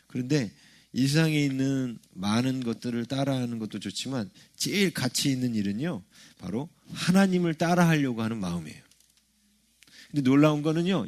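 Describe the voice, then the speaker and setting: A man's voice: medium pitch, a little mellow. A middle-aged male pastor preaching a sermon in a conversational way, often checking in with the congregation through rhetorical questions. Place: church sanctuary.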